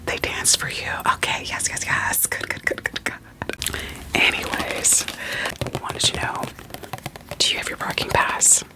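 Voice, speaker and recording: A woman whispers through a soothing ASMR therapist roleplay, asking gently probing questions playfully and repeating short phrases. She keeps a measured pace with long pauses.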